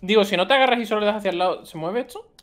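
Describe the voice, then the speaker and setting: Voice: medium pitch, very fast. A speaker, chatting casually as a co-op gaming partner. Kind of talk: casual co-op game chat. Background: loud game music.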